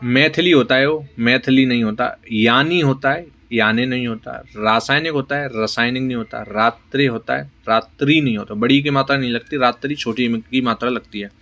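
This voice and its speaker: A man teaching an exam-prep lesson, briskly listing words and checking in with his students. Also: medium pitch, sharp tone, highs cut off. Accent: Rajasthani Hindi. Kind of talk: spoken lesson for exam preparation.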